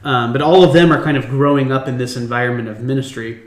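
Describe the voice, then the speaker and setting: A man's voice: medium pitch, fast talker. A man hosting a casual family podcast, talking earnestly and chattily with frequent restarts, recorded on a makeshift mic that makes him sound as if he were inside a tin can. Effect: tinny sound, as if recorded inside a tin can. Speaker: podcast host. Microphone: temporary microphone, not the usual podcast mic. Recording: tinny echoey room sound from a makeshift mic.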